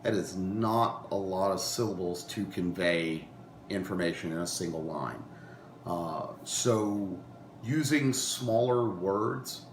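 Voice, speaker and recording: A man with a lowish voice teaches a beginners' class while getting over a cold. He talks very slowly, with many fillers and restarts. The echoey room recording has a faint hiss. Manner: unhurried, frequent ums and uhs, restarts. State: recovering from a cold, coughing. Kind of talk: informal lecture to a class.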